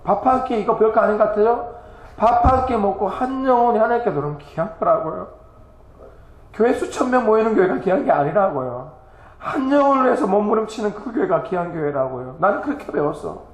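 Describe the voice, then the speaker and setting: A man giving a missionary report in church, animated, laughing and tearful as he speaks. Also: sits high, brisk. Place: church sanctuary. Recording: echoey church hall.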